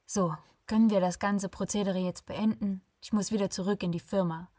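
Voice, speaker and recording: A woman voicing a stubborn, self-important businessman who speaks loudly and insistently, in a breathy voice. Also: lowish voice, little pitch movement, a little slow, no echo, clean studio sound. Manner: loud, insistent, tense.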